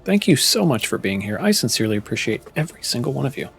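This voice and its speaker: A man's voice: mid-range voice, sing-song, quick pace, creaky, a bit bright, breathy edge, soft background music. A man chatting casually to his viewers while playing a game live, musing aloud as he goes. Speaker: streamer. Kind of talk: casual gameplay commentary.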